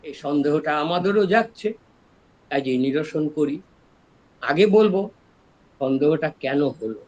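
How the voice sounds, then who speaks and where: Older Bengali professor lecturing step by step. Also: male voice, fairly high pitch, lo-fi sound. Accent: East Bengali. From East Bengal. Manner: explains slowly and step by step, lively rises and drops in voice. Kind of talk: scholarly lecture on word origins.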